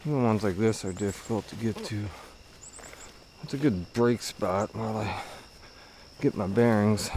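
This adventure vlogger, a man in his thirties, speaks to camera in a lowish, slightly mellow voice, measured and full of pauses, with short casual mutterings. He's out in overgrown prairie, and insects, crickets, and nature ambience fill the noisy recording.

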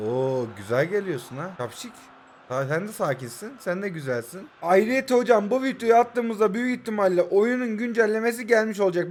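A man in his twenties from Turkey, a mobile football gamer and streamer, chats casually while playing and reacts to each move. His voice is high, he keeps saying "hocam," and he flares up at the referee during his gameplay commentary.

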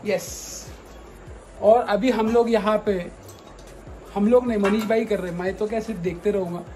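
A man's voice: high voice, fairly even intonation, normal speed, mellow, soft background music. A young man vlogging in casual chat, joking and talking straight to his viewers. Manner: chatty and joking, addresses viewers directly.

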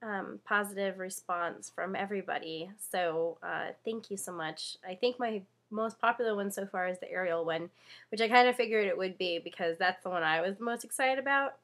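A young woman vlogging to camera with a congested, nasal voice from a cold, halting with many fillers. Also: medium pitch, fairly bright tone. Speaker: beauty vlogger. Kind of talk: casual chat to camera.

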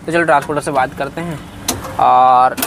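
A truck-driver vlogger in his 20s chats informally to viewers, calling them brother, in a steady, mid-range voice at a fairly quick pace. Filmed on a phone held at arm's length in his parked truck cab and at the roadside, the clip carries clear traffic and vehicle noise amid urban street ambience.

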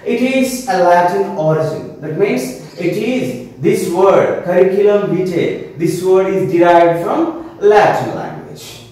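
An English teacher with a Telangana Indian English accent gives an online class lecture, asking and answering his own questions and repeating definitions. His voice is high, expressive, and darkish, with a slow pace and few pauses. The room is very echoey and the mic is far off.

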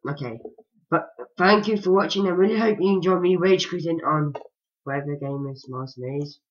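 A man's voice: a little high, moderate pace. A man giving casual gameplay commentary. He hums and mutters filler sounds between lines and swears freely. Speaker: gaming channel host. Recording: dull lo-fi home mic.

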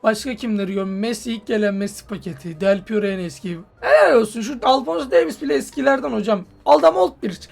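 A man giving casual, joking commentary on a football game he is playing, yelling at his players. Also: high-pitched, quick pace, vocal fry, hardly any pauses, faint music behind. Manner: excitable, joking, swears and yells at players. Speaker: mobile football gamer.

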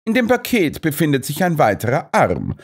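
A man's voice: a little high, huge pitch swings, normal speed, breathy edge, voice pushed up, heavily acted. A man voicing a self-assured male master detective who lectures and explains triumphantly. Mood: lecturing.

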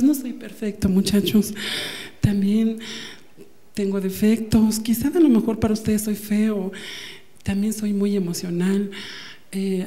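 A Mexican man in his twenties, from Mexico City, giving a comic audition, soft and giggly, holding a handheld mic in an indoor casting room. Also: high-pitched. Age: 20s. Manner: soft, sweet and giggly, gushing about tenderness. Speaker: audition candidate.

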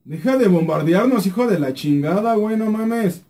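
A young man with a Mexican accent talks through his gameplay in an excitable, lively voice that leaps up and drops low. He swears freely and keeps muttering the same words under his breath. His tone is mellow and dark. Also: normal speed. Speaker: gaming YouTuber. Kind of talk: live gameplay commentary.

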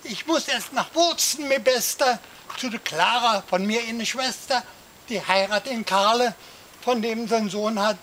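A man reciting a rhyming comic poem for an audience, lively, jumping up in pitch for shouted cries. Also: a little slow, slight background noise, rough recording. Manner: lively storytelling, swings voice up for quoted cries. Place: outdoor garden theatre.

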